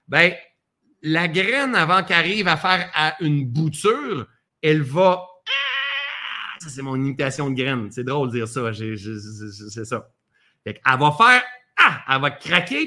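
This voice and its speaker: This man, a personal development speaker with a Québécois accent, has a mid-range voice that sounds pushed and bright. He teaches a live masterclass conversationally, breaking off for joking asides about himself.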